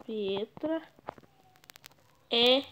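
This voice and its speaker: A woman's voice: a little high, lively intonation, drawn-out words, a bit bright, a little hiss or hum. A young woman, chatting casually and teasing others while she plays a game on stream. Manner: chatty, teasing, exclaims often. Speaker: gaming YouTuber. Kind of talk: casual gameplay commentary.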